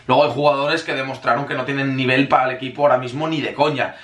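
A man's voice: medium pitch, steady tone, quick pace, fairly bright tone. A man giving a sarcastic football opinion rant, with heavy swearing. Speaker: football fan vlogger. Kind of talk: ranting match opinion. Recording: roomy echo.

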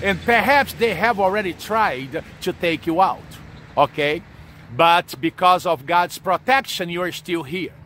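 A man's voice: high voice, unhurried, pushed and bright, a little hiss or hum. A man in his forties preaching informally and earnestly to camera, repeating himself and punctuating his points with short check-ins. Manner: earnest, repetitive, punctuated with "okay" and "amen". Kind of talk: informal sermon of encouragement spoken to camera. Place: outdoors under a leafy tree.

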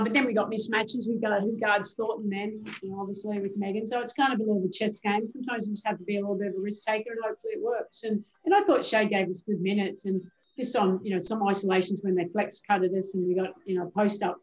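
Speaking candidly over a webcam call, a middle-aged head coach gives postgame press conference answers from an indoor media room in front of a team backdrop. Her mid-range voice has fairly even intonation, and her measured, loose delivery is full of small fillers and restarts. The walls throw back a noticeable echo.

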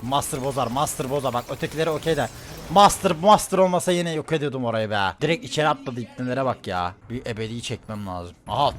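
A male streamer giving live, excitable commentary on his own gameplay, often shouting and repeating words in quick bursts. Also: medium pitch, slight background noise.

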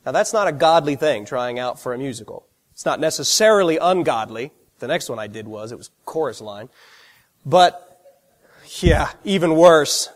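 A man preaching a sermon, telling personal stories with animated, self-deprecating humor. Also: a little high, normal speed.

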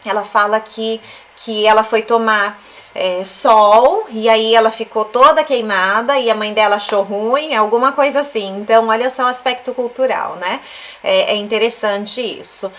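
Woman, language teacher, patient explanations, repeats words, slightly high voice. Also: fairly bright tone. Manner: explains slowly, repeats words and checks in with tag questions. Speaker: Italian teacher. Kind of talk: language lesson analyzing a song.

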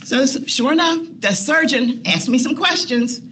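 A woman's voice: high voice, normal speed, fairly bright tone, a little hiss or hum. A woman, a nurse educator, telling personal stories on a panel, laughing often and acting out quotes. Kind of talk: personal storytelling. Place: meeting room, seated at a long table.

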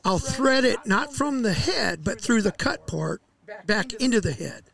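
A middle-aged man with a fairly high, gravelly voice talks shop as a fishing guide. He explains things in an easygoing way, with fillers and restarts. He speaks into a headset mic out on a lakeside deck. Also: expressive, unhurried, fairly bright tone. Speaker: walleye fishing guide, podcast guest. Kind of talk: casual interview. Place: outdoor deck by a lake.

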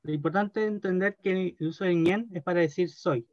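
A man teaching a language class, speaking slowly and deliberately and often checking in with his students. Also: sits high, darkish tone, no echo, lo-fi sound.

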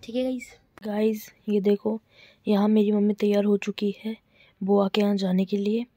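A woman's voice: medium pitch, level tone, moderate pace, mellow. A young woman chatting casually to her viewers at home in a teasing, talkative home vlog. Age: young adult. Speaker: vlogger.

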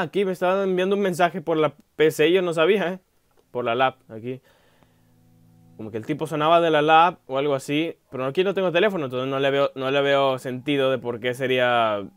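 Excitable male gamer with a high voice. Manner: rambling, thinks aloud with many fillers; bursts into loud yelps at jump scares. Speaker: gameplay commentator. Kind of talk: let's play commentary.

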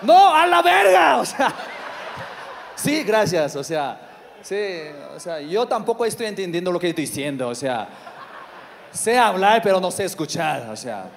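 A South Korean comedian performs a stand-up set on a large theater stage, speaking halting, filler-heavy non-native Spanish in a high, gravelly voice that erupts into sudden shouts. He is very animated, and his handheld mic picks up live hall reverb, a faint crowd, and slight hiss or hum.

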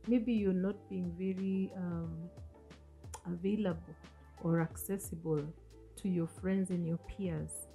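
Seated on a sofa in a small room, an African woman in her forties speaks into a stand-mounted studio mic, hosting an earnest motivational talk and coaching the listener with questions. English is not her first language; she grew up speaking an African language. Her voice is lowish, steady, slow, gravelly and mellow, with faint music behind it.

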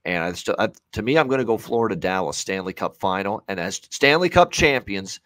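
Joining a hockey preview show by video call from a small room in his home, the thirties-something betting analyst riffs unscripted, driving his points home again and again. He sounds lowish, animated and fairly quick, with a fairly bright tone on a dry recording.

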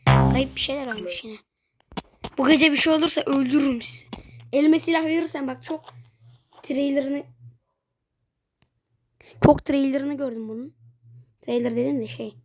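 A woman's voice: high voice, wildly swooping pitch, moderate pace, pauses often. A young woman streaming a horror game, chatting casually to viewers, swearing freely and bursting out in jumpy reactions. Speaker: gaming streamer. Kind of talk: casual let's-play commentary.

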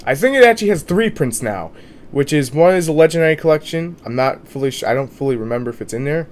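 A man's voice: a little high, lively intonation, fast talker, a little mellow. A man with a sore throat, feeling sick, giving casual, informal video commentary as host of a price guide. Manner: informal, mild swearing. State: under the weather with a sore, swollen throat.

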